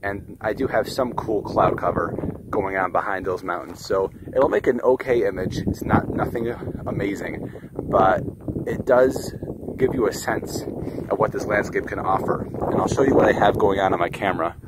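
A man's voice: on the low side, normal speed, very noisy. Man vlogging on a desert hike. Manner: chatty, explaining his camera setup. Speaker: landscape photographer. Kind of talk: casual vlog narration while hiking. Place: outdoors on a desert mountain trail. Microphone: camera held at arm's length.

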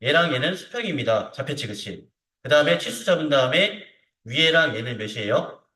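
In this practical software lesson, an animated male CAD instructor speaks briskly, his pitch on the high side. Captured from afar in an echoing room, he stays informal and repeatedly tosses in brief tag questions to confirm understanding.

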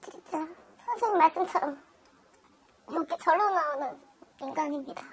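Very high-voiced, subdued woman client. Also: normal speed, slight background noise. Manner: subdued, brief agreeing replies. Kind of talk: consultation answers.

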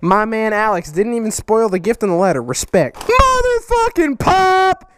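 A woman hosting a casual vlog, opening fan mail excitedly, swearing and laughing a lot. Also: mid-range voice, a little fast, no echo. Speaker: motovlogger host.

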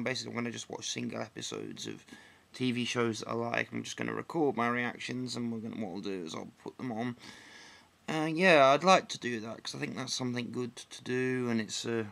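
Recorded close on a webcam in a dimly lit living room, a young vlogger from England gives a loose, rambling update, stumbling with ums and restarts. His mid-range voice sounds fairly bright yet slightly croaky from recent flu.

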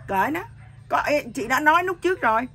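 Middle-aged woman, husky ambiguous voice, blunt earthy storyteller. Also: high voice, animated, a little fast, fairly bright tone, slight background noise. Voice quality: husky voice that sounds neither male nor female. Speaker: interviewee. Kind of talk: candid emotional chat.

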